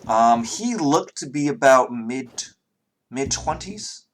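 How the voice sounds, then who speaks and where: A man's voice: mid-range voice, expressive, slow. A man narrating as game master of a tabletop game, talking hesitantly with many fillers.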